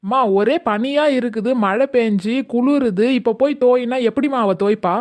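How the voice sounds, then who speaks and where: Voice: medium pitch, moderate pace, lightly acted. A performer playing a harried husband caught between his wife and his mother in a comedy skit, pleading and placating. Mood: exasperated.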